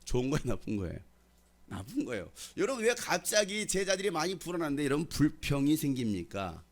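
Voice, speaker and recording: A man's voice: a little high, big pitch swings, fairly quick. A middle-aged male pastor from the Jeolla region preaching a sermon, quizzing and teasing the congregation. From Jeolla, South Korea.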